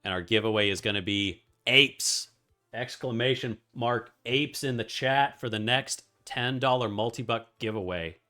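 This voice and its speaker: A man streaming and casting an esports match, giving away codes and calling the plays with excitable play-by-play. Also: medium pitch, moderate pace, soft background music. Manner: excitable play-by-play, rising to shouts. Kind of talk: live game commentary.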